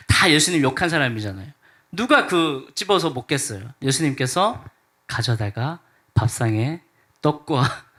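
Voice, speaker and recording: A man's voice: a little high, pushed and bright. A man with a Gyeongsang accent preaching a sermon as pastor, telling stories with humor and acting out the lines of the people in them. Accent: Gyeongsang Korean. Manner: humorous storytelling, acts out quotes. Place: church sanctuary during a service.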